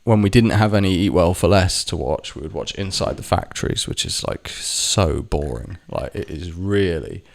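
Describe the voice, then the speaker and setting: A man's voice: deep voice, expressive, normal speed, creaky, hardly any pauses. A man telling a rambling, sweary personal story to camera, often stopping to correct himself. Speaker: vlogger. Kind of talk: casual storytelling monologue.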